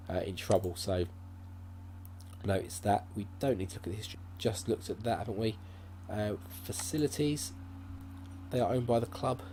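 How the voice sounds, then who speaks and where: Hosting a gaming channel, a man with a fairly low, mellow voice offers casual let's-play commentary. He rambles and thinks out loud, packed with fillers and restarts. A desk mic at his laptop records him, and a faint laptop hum sits underneath.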